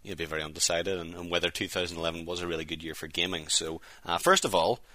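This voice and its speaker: Man, podcast co-host, very low voice, bright, blunt, scornful, dry sound. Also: quick pace, dry recording. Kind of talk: casual chat.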